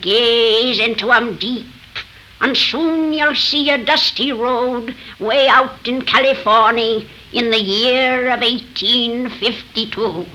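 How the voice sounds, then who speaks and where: Ancient witch storyteller, cackling, dragging pace, bright cutting tone, rustic archaic dialect, gleefully sinister, old radio horror play. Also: on the high side. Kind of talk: 1930s radio horror acting. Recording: noisy 1930s radio recording.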